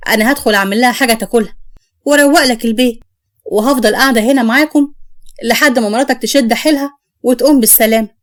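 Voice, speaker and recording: A woman's voice: on the high side, rapid-fire, natural voice. A woman voicing a kind, patient older mother-in-law who speaks tenderly in an Egyptian accent. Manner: tender, soothing.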